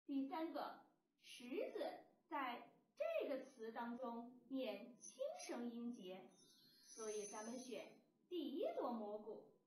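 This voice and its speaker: A woman primary school teacher giving a recorded lesson to young children, speaking in a slow, sing-song, encouraging way. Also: fairly high pitch, animated, darkish tone. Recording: roomy and distant from the mic.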